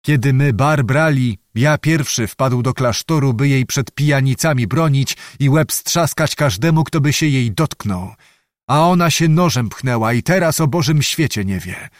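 A man's voice: medium pitch, normal speed, no echo, clean studio sound, close to an everyday voice. A man reading an audiobook, voicing a brooding, passionate young Cossack chieftain who speaks in tormented outbursts. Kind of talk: audiobook character voice.

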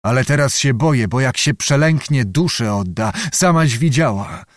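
A man's voice: mid-range voice, expressive, normal speed, no room sound, studio quality, lightly acted. A man voicing a proud, restless young Cossack chieftain with grim, restrained speech in an audiobook. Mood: brooding. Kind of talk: audiobook reading.

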